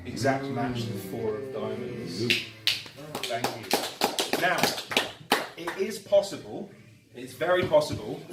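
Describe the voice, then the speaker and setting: A man's voice: mid-range voice, recorded from a distance. A young man performing magic, talking chattily to his audience with frequent laughs and fillers, recorded from afar in a roomy space with faint music. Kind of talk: live magic performance patter.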